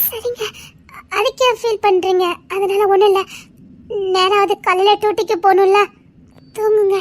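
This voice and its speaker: A woman with a Tirunelveli accent playing a gentle young wife who speaks hesitantly, stumbling over her words, in a family drama. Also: very high-pitched, steady tone, normal speed. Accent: Tirunelveli Tamil.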